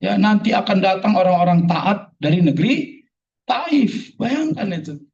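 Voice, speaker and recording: A man's voice: high-pitched, expressive, measured pace, gravelly, darkish tone. A man preaching a sermon to a gathering, joking and firing rhetorical questions at the audience. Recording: distant, dull hall recording.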